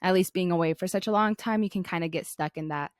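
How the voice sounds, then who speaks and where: Young american woman podcast host, kinda low voice, thinking out loud, pretty dry sound. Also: quick pace, clear, resonant tone, no echo. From Flagstaff, Arizona, United States. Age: young adult. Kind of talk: casual reflective chat.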